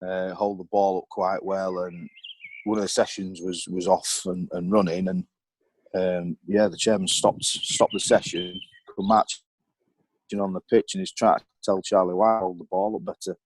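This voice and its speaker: Deep-voiced man telling candid stories. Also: flat delivery, moderate pace, dry recording, poor audio. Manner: rambling, frequent ums and you knows. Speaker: guest, former footballer and club board member. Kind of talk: candid podcast storytelling.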